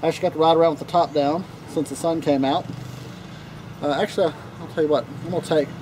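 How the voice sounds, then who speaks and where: A man with a Southern accent chatting casually to camera about cigars, relaxed and rambling with lots of fillers, recorded outdoors on a deck. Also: on the high side, background noise. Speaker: cigar vlogger.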